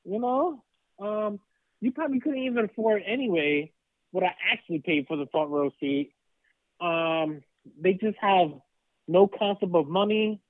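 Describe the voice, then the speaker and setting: High-pitched man in dry, opinionated casual chat. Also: lively intonation, unhurried, dry recording, phone-quality sound.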